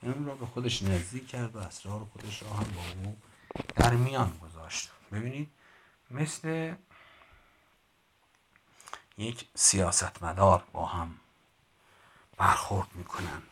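A man with a fairly low voice explains a classical Persian text line by line, leaving long pauses against background noise. He reads the prose aloud, puts it into plain language, and corrects his own pronunciation along the way.

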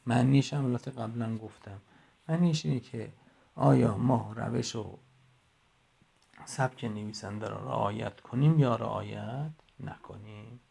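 A middle-aged man teaches a lesson into a phone for a voice message. His voice is heavily gravelly and a little husky. He explains patiently and works through his examples one by one. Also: mid-range voice, mellow. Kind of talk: recorded lecture.

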